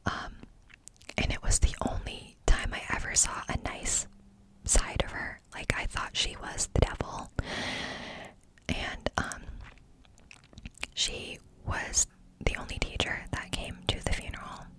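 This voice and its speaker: A woman's voice: unhurried, long pauses, low-quality recording. A woman ASMR host telling a personal story in a confiding, candid, cupped-hand whisper, close up.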